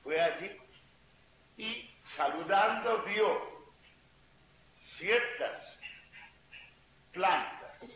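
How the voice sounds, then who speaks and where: A man, a swami giving a spiritual talk, telling a story in a slow, deliberate way. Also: high-pitched, a bit bright. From India. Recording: echoey room with faint hiss.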